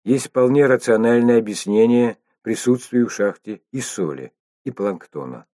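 A man reading an audiobook voicing a bold, quick-witted woman intelligence analyst who speaks with confidence. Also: mid-range voice, warm tone, dry recording, clean studio sound, voice pushed up, close to an everyday voice. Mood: confident. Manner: confident, knowing.

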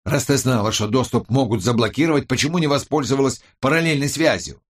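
A man voicing an anxious, irritable male investigator in an audiobook, raised in pitch and agitated. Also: fast talker, natural voice. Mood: reproachful. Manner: reproachful, agitated. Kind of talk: audiobook character voice.

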